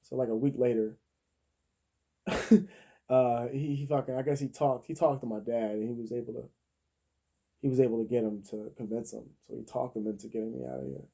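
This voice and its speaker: Very dark-voiced man telling a rough story. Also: medium pitch, steady tone, brisk, pauses often. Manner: profane, laughs often, acts out the people he quotes. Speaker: vlogger. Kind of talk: casual storytelling.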